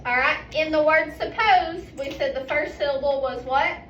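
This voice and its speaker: A woman teacher leading a phonics lesson with young students, patient and coaxing, slowly repeating words for them. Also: high-pitched, a bit bright, a little hiss or hum. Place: classroom. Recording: echoey classroom from far off, dull lo-fi.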